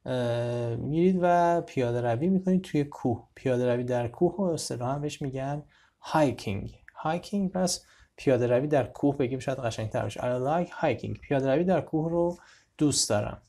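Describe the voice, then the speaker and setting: A man teaching a beginner English lesson, saying each example sentence slowly and clearly and then explaining it conversationally. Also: mid-range voice, mellow.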